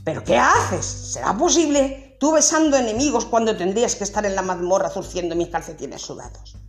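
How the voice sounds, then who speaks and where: A grumpy old ogre of a husband, as a woman puts him on, gruff and blustering. He barks his complaints over faint music. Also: mid-range voice, expressive, fairly quick, lightly acted.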